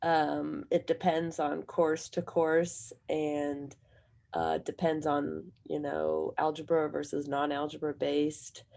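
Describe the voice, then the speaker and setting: A woman math instructor speaks on a panel, her voice hoarse, low and gravelly with fry. She talks at length in a rambling, self-deprecating way. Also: little pitch movement, takes it slowly, darkish tone. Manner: rambling, self-deprecating, chuckles while talking. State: hoarse from allergies. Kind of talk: panel discussion answer.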